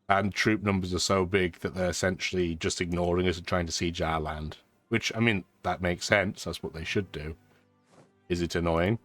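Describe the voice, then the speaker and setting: This gaming host plays a strategy game and chats in a dry, casual way, though his voice is bunged up from blocked sinuses and a sore throat that won't go away. His voice is low and fairly bright, the recording is dry, and music plays in the background.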